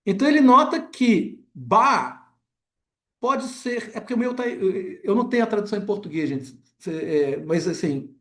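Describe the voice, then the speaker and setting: A man with a Brazilian accent giving an academic lecture, pausing often and filling gaps with short filler words and tag questions. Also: sits high, expressive, darkish tone.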